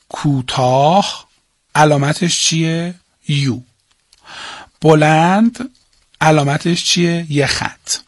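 A man's voice: a little high, vocal fry, slightly rough, no echo, studio quality. A man teaching a class, asking questions and answering them himself and repeating key points. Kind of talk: classroom lecture on Persian prosody.

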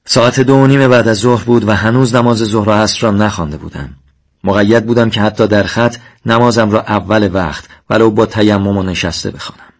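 Man, lowish voice, solemn measured reading, war memoir narration.

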